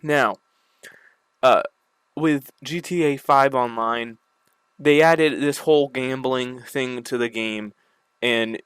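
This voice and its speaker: A man delivers an annoyed, casual rant, swearing freely and stumbling over repeated words. His voice is smooth and clear despite a slight lisp from his retainers, and the recording is dry and close. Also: mid-range voice, fairly bright tone, no echo. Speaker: gaming video creator.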